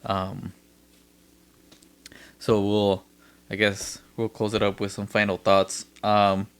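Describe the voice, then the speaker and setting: A man's voice: on the low side, completely flat delivery, slow pace, clear, resonant tone. A man hosting a casual, laid-back podcast, chatting and joking with a friend and swearing freely. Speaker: podcast host. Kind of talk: casual chat.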